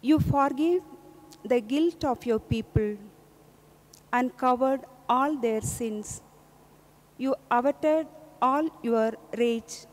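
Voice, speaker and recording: Female lector, slow solemn psalm reading, reverberant church. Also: high voice. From India. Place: large indoor church, at a lectern. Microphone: gooseneck microphone on lectern.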